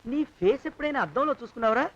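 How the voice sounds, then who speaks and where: Brief: a sly, high-voiced servant, taunting and defiant, film comedy. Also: male voice, lively intonation, rapid-fire, a bit bright, highs cut off, exaggerated voice. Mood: furious. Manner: cheeky, taunting, then furious. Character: sly bullied male servant, middle-aged, finally defiant. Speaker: servant blackmailing his master. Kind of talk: 1990s film comedy acting.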